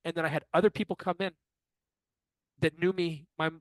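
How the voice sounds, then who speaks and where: A man's voice: a little high, fairly quick, dry recording. A man in his fifties, a guest in an interview, telling a long personal story and acting out what others said. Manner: animated anecdotal storyteller who acts out quoted dialogue.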